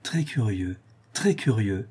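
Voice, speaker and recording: A man's voice: mid-range voice, warm tone, slightly rough, lightly acted. A man doing a haughty English scholar. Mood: lecturing. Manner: measured, lecturing. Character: skeptical learned English lord, haughty.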